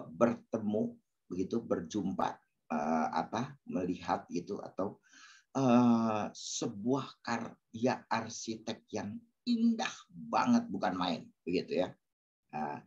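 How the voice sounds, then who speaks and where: A man's voice: low voice, slightly rough. A man answering questions in a casual spiritual talk, hesitant with many fillers, asking his listeners questions. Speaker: speaker answering audience questions. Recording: dull lo-fi sound.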